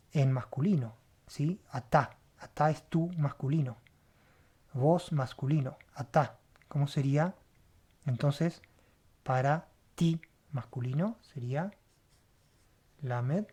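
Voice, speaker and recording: Teacher going through hebrew letter by letter, slow and patient, keeps asking "right?". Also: mid-range voice, warm tone, slightly rough. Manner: patient, checks in with a questioning "right?" after each step; spells out letters and repeats sounds slowly. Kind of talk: word-by-word Bible language lesson.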